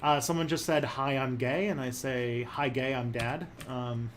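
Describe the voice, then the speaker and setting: A man hosting a casual livestream chat, animated and jokey, rambling with many fillers. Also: mid-range voice, a little slow, a little hiss or hum. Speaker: host.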